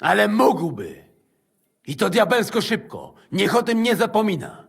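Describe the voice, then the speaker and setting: An actor playing a hot-tempered, swearing male fighter with a gravelly, raspy voice. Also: high-pitched, wildly swooping pitch, normal speed, full character voice. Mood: menacing. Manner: swearing, aggressive.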